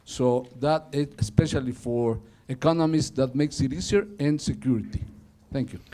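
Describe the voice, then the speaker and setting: A man's voice: mid-range voice, moderate pace, dark tone. A man from Ecuador, a corporate lawyer, giving a concise, structured panel presentation in English with small slips.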